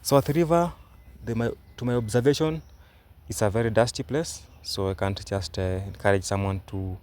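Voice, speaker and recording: A young Kenyan travel vlogger, Swahili his first language, talks in a fairly low, slightly mellow voice at a somewhat quick pace. Recorded on a phone inside a moving car, his commentary is hesitant and explanatory, full of fillers and restarts.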